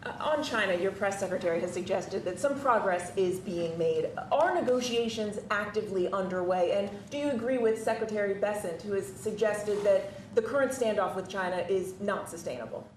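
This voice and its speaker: A woman's voice: mid-range voice, brisk, few pauses. A woman asking formal press questions as a reporter. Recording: distant mic, roomy, some noise.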